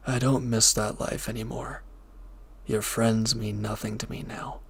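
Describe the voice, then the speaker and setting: Speaking softly and hesitantly in a breathy voice, a man portrays a reformed villain now devoted to his lover in an intimate audio drama. He sounds earnest but guarded, with a lowish, level voice, a slightly slow pace and faint background noise.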